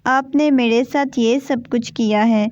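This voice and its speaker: A woman's voice: on the high side, steady tone, a little mellow, dry recording, lightly acted. A woman voicing a frightened, tearful young wife in a storybook reading. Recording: dull, dry lo-fi recording.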